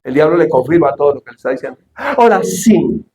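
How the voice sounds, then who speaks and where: A male pastor delivering an animated sermon, shouting the quoted lines and asking the congregation questions. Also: a little high, fast, roomy sound. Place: church hall.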